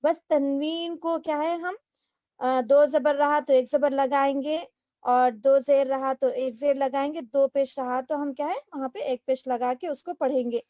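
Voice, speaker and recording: High-voiced woman teaching a recitation class. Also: fairly even intonation, a little slow, warm tone, no room sound, clean studio sound. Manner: patient, explains step by step with repeated questions. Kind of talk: online class lesson. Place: online class.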